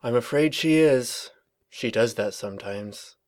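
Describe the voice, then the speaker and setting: A man voicing a calm, worried male pony who soothes his little sister. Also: medium pitch, a little slow, lightly acted. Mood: placating. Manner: soft and placating.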